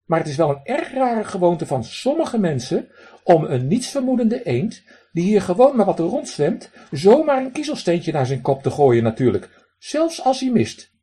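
A man voicing a stern, sharp-tongued male duck in a storybook reading, with a raw quacking voice and a reproachful, sarcastic manner. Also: sits high, sing-song, moderate pace, husky, voice pushed up, heavily acted. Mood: scolding.

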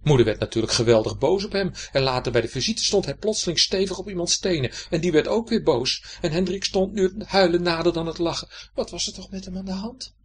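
A man reading a children's story aloud in an expressive, lilting storytelling manner. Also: fairly high pitch, fast, hardly any pauses, a little hiss or hum.

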